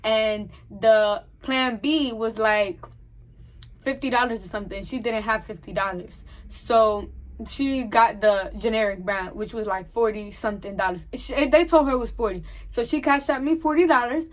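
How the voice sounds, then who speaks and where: A young woman telling a storytime vlog in an animated way, acting out the dialogue. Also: a little high, normal speed. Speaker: vlogger.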